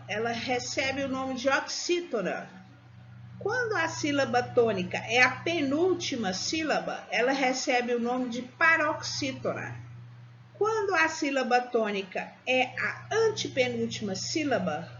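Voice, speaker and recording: A woman, a primary school teacher giving a recorded remote lesson and explaining things slowly and patiently to children. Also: high voice, a bit bright, slight background noise. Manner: slow, patient, speaks to children as "tia". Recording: dull lo-fi home recording.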